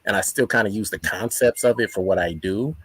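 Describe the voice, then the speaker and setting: A man's voice: fairly low pitch, fairly quick, fairly bright tone, slightly rough, no echo, poor audio. A man gives conversational interview answers. The sound is close and dry, and he reflects as he talks, stacking repeated phrases for emphasis. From born in Nigeria, grew up in the United States. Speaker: spoken word artist and interview guest.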